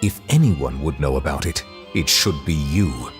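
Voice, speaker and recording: A rumbling low, expressive voice brings the game's chief justice to life, stern and dignified. He puts his questions formally and gravely at a measured pace, with soft music underneath.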